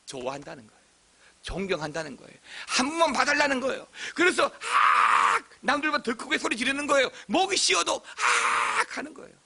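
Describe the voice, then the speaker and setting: A middle-aged male pastor giving an animated sermon, breaking into shouts and acted cries. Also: extremely high pitch, quick pace, creaky, slightly rough.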